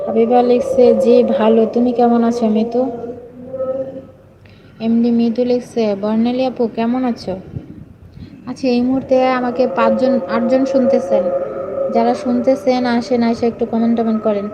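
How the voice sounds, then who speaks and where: A woman hosting a casual live-stream chat, speaking softly while she reads out viewer comments and answers them. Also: on the high side, little pitch movement, measured pace, very noisy.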